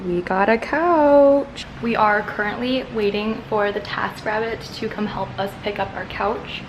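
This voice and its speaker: A woman's voice: mid-range voice, noisy background. A young woman chatting casually to a handheld camera, upbeat and filler-heavy, sometimes tired and breathless. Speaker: vlogger. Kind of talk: casual vlog narration. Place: around the city, indoors and outdoors. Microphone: handheld camera mic.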